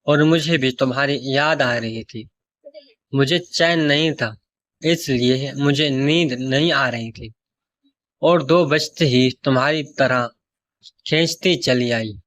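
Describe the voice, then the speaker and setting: A man voicing a young woman in a story, speaking more quietly than his narration. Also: mid-range voice, dry recording, close to an everyday voice. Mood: urgent. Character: young woman narrating her own secret affair.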